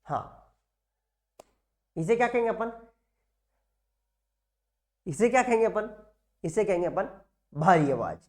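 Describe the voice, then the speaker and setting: A man's voice: high voice, lively intonation, slow, pauses often, darkish tone. A man teaching nursing exam material in a classroom lecture style, repeating key words and asking and answering his own questions.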